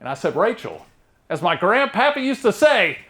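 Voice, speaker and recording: During a stand-up comedy set, a thirtyish man raised near Baltimore, Maryland, tells self-deprecating jokes deadpan, at a moderate pace. Though he grew up there, his drawl sounds like the American South, and his slightly high voice ranges widely and lively.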